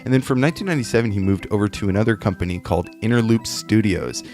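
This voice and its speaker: A man's voice: fairly low pitch, rapid-fire, soft background music. A man co-hosting a podcast in casual, chatty talk with plenty of fillers. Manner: relaxed, chatty, with many fillers. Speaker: podcast co-host. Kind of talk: casual chat.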